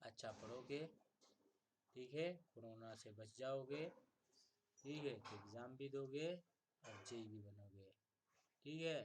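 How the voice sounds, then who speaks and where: A man teaching an online electronics class, repeatedly asking questions and answering them himself, loud on key words and quiet on asides. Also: medium pitch, slow pace, pauses often, background noise. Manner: asks and answers his own questions, repetitive, coaxing; swings between loud emphasis and quiet asides.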